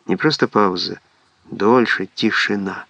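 A man narrating a literary audiobook in a measured, expressive storytelling manner. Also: low-pitched, vocal fry, dry recording.

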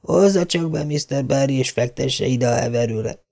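A man's voice: medium pitch, creaky, darkish tone, voice pushed up, close to an everyday voice. A man voicing a stern, scolding older woman. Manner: scolding, brisk.

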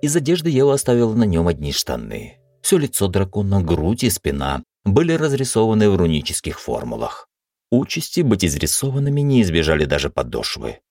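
A man narrating a fantasy audiobook in an expressive storytelling manner. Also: deep voice, fairly quick, vocal fry, no echo, clean studio sound.

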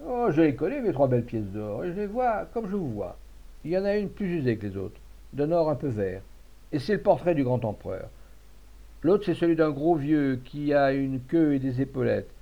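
A man's voice: a little high, big pitch swings, moderate pace. A man voicing an old miserly male lodger from a rural province, agitated and accusing, on a dull lo-fi recording.

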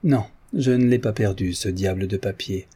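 Guy reading an audiobook doing a chatty young woman, teasing, a bit husky and dark. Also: lowish voice, normal speed. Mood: playful.

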